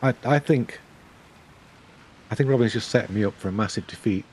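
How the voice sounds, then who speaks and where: A man's voice: fairly low pitch, a little fast, a little mellow, a little hiss or hum. An older man chatting casually on a game stream, rambling with dry, self-mocking humor. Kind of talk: casual live-stream chat.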